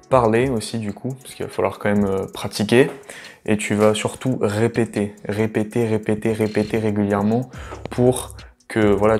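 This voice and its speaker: A man's voice: on the low side, darkish tone. A man in his late teens casually explaining things to the listener, rambling with many fillers and restarts. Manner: addresses the listener familiarly as "tu". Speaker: language tutor.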